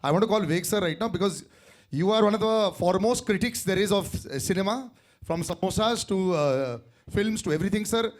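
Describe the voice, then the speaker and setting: Indian host guy at a film launch, talks fast, hindi english mix. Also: sits high. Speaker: event host. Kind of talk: mixing Hindi and English, press-event hosting. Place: press event.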